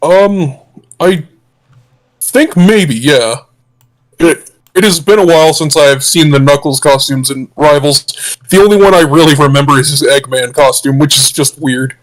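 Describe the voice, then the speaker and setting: A man's voice: on the high side, a little slow, poor audio. Man talking through a voice changer. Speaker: co-host. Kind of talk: casual livestream chat.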